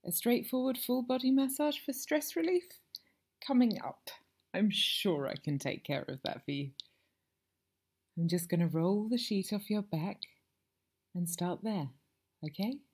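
A woman performing an ASMR audio roleplay as a masseuse, talking softly and soothingly and often slipping into whispers. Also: medium pitch, lively intonation, a little slow, long pauses, breathy edge.

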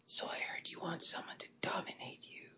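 A woman voicing a teasing, domineering man with a low, sly voice. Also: brisk, bright, forceful tone, in a whisper, lightly acted.

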